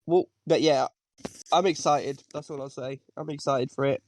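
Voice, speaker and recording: A man's voice: mid-range voice, fairly even intonation, moderate pace, darkish tone, dry recording. A young man on a podcast panel, teasing and playful in casual chat. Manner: teasing, playful, mock-outraged.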